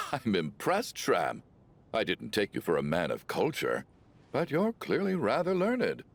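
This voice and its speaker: A sardonic older man in a video game, given to bluster. His very deep, husky voice swings wildly in pitch. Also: wildly swooping pitch, a little slow, full character voice.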